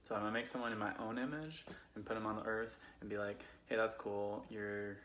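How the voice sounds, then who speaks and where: A man's voice: lowish voice, fairly even intonation, a little fast, fairly bright tone, lightly acted. A man putting on a casual, tipsy Californian friend who rambles through comedic stories in a slangy, filler-heavy way. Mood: breezy, dismissive. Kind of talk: comedic storytelling. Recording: roomy echo, faint background noise.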